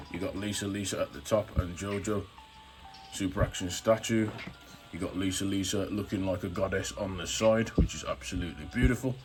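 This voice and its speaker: A man's voice: low-pitched, low-quality recording. A man hosting a casual, chatty action figure review, talking informally and full of superlatives. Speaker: YouTube toy reviewer and channel host.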